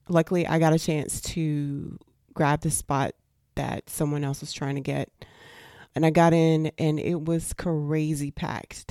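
Frank, low-voiced woman telling a story. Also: darkish tone, dry recording, clean studio sound. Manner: frank and profane, exasperated. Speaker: show host. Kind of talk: casual storytelling.

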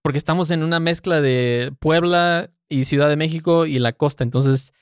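A man's voice: a little high, moderate pace, clean tone, no echo, studio quality. A man with a Mexican Spanish accent chatting casually with friends. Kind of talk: casual chat.

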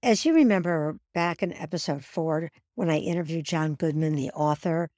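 A woman's voice: low-pitched, moderate pace, no room sound, faint music behind. A middle-aged woman host telling a story in a monologue and acting out the dialogue in it. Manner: animated, acts out dialogue in her stories. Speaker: host and coach.

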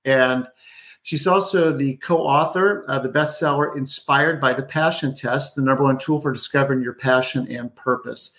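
Male show host, friendly and talkative, warm-up chat with a guest. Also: mid-range voice, normal speed. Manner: upbeat, chatty, with frequent fillers. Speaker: podcast host. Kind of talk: conversational interview hosting.

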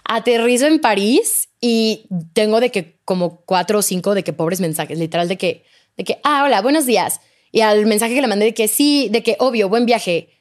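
A woman's voice: medium pitch, normal speed. A young woman, telling a personal story in casual chat, full of fillers and quoted dialogue. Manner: animated, quotes others, many fillers like "de que" and "o sea". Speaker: podcast guest.

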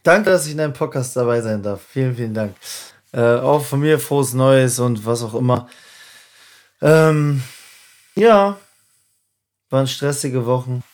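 A young man co-hosting a casual podcast, relaxed and slangy, often searching for the right word. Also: mid-range voice, unhurried, long pauses. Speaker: podcast co-host.

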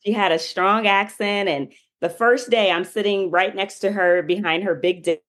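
A woman's voice: mid-range voice, fairly even intonation, moderate pace, fairly bright tone. A woman telling her life story in a casual interview, chatty and full of "you know" fillers. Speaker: interview guest.

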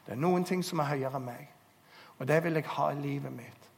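Recorded in a church hall with a long reverb, a man with a slightly high, gravelly voice delivers a sermon. He weaves in stories and exhorts the congregation with sincerity.

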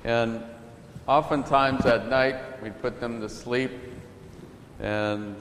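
A middle-aged man preaches slowly in a calm storytelling way, his voice carried through a church with a long echo. A faint hum of the room lingers behind him. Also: medium pitch. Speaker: priest. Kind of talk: gospel reading and sermon. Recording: echoey church from a distance.

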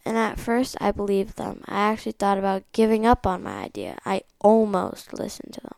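A woman's voice: mid-range voice, sing-song, fairly quick, gravelly, darkish tone, no room sound. A woman reading a picture book aloud as the host of a read-along.

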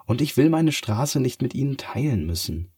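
A man's voice: medium pitch, big pitch swings, moderate pace, warm tone, husky, no room sound, studio quality, voice pushed up. A man voicing a sleepless, stubborn young girl in a bedtime story, asking doubtful questions.

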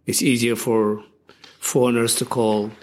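An older man speaks as an interview guest in a medium pitch. He tells his story reflectively, pausing often and searching for words. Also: little pitch movement. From Ethiopia. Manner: reflective, halting with fillers.

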